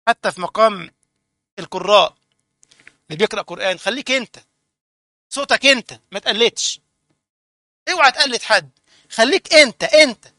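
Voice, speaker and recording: A man with an Egyptian accent giving a lively, informal sermon and mocking people who imitate others. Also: very high-pitched, dry recording, studio quality. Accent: Egyptian Arabic. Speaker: preacher.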